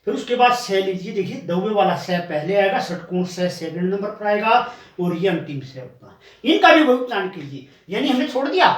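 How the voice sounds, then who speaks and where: A man's voice: sits high, big pitch swings, moderate pace, roomy sound, far from the mic. A male coaching teacher giving a classroom lesson, patiently explaining step by step and sounding out items one by one.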